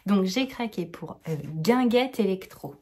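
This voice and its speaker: A woman hosting a knitting podcast, talking in a chatty, rambling and enthusiastic way, and sometimes dropping into a soft whisper. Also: medium pitch, lively intonation, unhurried. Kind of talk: casual chat.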